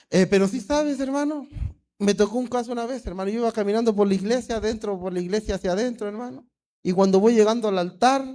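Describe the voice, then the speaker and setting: Male pastor, Peruvian Spanish accent, high voice, fervent preaching style, constant "hermano" refrains. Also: mellow. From Peru. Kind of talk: sermon.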